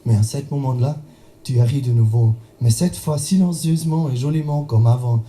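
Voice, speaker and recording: A man's voice: medium pitch, normal speed, dark tone, slight background noise. Swiss German man performing comic slam. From German-speaking Switzerland. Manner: humorous storytelling, playful sung asides. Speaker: slam poet.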